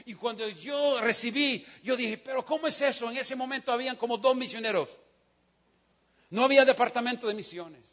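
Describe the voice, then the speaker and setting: A man preaching a sermon, telling a story with passion, dropping to a hush and rising to shouts. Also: very high-pitched, fairly quick, lo-fi sound. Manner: impassioned storytelling, swings from hushed to shouting. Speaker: pastor.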